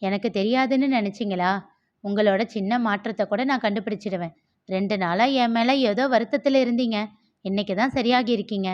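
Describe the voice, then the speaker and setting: A woman's voice: mid-range voice, a little fast, close to an everyday voice. A woman voicing a loving, anxious young wife who pleads affectionately with her husband in a story reading. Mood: hurt. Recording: dull lo-fi.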